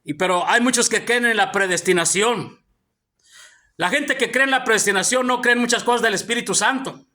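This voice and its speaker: A man's voice: very high-pitched, brisk, bright, forceful tone. A male pastor preaching a sermon to his congregation in a church hall, constantly calling out to his brothers. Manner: preaching with frequent calls of "hermano" to the congregation.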